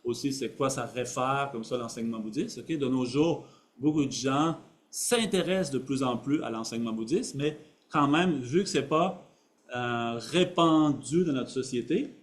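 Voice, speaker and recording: A man's voice: medium pitch, moderate pace. A man giving a Buddhist teaching to an audience. He uses simple phrasing, builds each point from everyday examples, and often checks in with "ok?". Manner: builds his points from everyday examples, repeating key words. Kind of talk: dharma talk to an audience.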